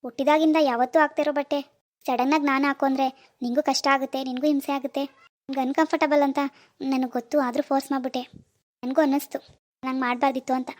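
A stern young cartoon husband , as a woman puts him on, pushed lower than the rest of her cast. His delivery is firm and level, scolding and then calming. He speaks briskly. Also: lightly acted. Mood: soothing.

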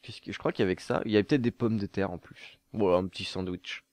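A man's voice: on the low side, fast, darkish tone, no echo. Jokey young man, dry close mic. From southern France. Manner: jokey, laughs at his own jokes, lots of hesitations. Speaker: YouTuber answering viewer questions. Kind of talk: casual solo Q&A to camera.

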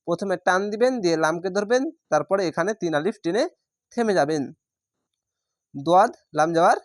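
Quran teacher spelling out each syllable then chanting the word slow, dry sound, no room echo. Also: mid-range voice. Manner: calm instructive explanations between recited words. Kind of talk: step-by-step recitation lesson.

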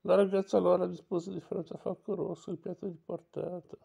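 A man narrating an audiobook with a gravelly voice. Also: sits high, little pitch movement, fairly quick, warm tone.

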